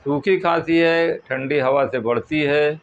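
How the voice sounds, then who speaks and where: A man, a homeopathy doctor, explaining remedies in a plain, measured talk. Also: a little high. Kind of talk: health advice talk. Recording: tinny phone-like audio with faint noise.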